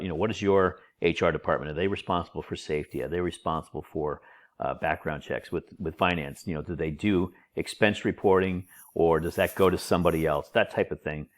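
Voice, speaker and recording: With a deep voice, a middle-aged man who teaches college gives a recorded online lecture over slides. A cold makes him a little nasal, and his style is informal and chatty, sprinkled with joking asides.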